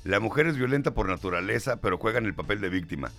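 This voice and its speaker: A man's voice: fairly low pitch, lively intonation, fast talker, a bit bright, soft background music. A middle-aged man with a Mexican Spanish accent co-hosting a talk show, reading listener comments aloud and answering them emphatically. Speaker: radio show host.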